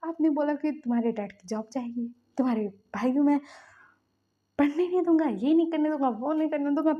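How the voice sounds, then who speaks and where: A woman's voice: high voice, voice pushed up, natural voice. Woman doing a desperate pleading young man. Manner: pleading, rushed self-defense. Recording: dull lo-fi recording.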